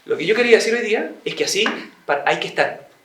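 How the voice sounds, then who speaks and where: A man's voice: high-pitched, fast talker, far from the mic, a little hiss or hum. Chatty man lecturing in an echoey room. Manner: acts out little dialogues, animated and chatty. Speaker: speaker giving a talk on marriage. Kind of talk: lecture to an audience.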